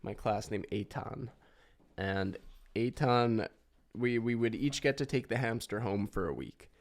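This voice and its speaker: A man's voice: medium pitch, measured pace. A young man hosting a podcast, chatting casually and laughing often. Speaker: podcast host. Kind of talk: casual chat.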